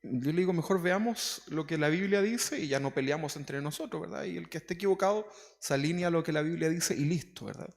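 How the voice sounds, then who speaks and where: In a church hall with long reverb, a Chilean pastor preaches casually to his congregation, frequently asking them questions. His voice is fairly high, brisk and creaky.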